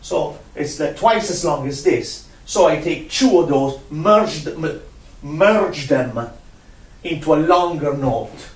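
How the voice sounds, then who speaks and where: A man with a fairly high voice speaks slowly, giving a patient one-on-one music lesson where he repeats himself and counts out rhythms. The recording sounds roomy, as if the mic were far away.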